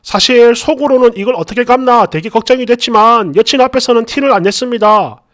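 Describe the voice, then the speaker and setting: A man's voice: very high-pitched, a little fast, fairly bright tone. A man narrating a viewer's submitted story in the first person, in a casual, chatty retelling style with conversational fillers.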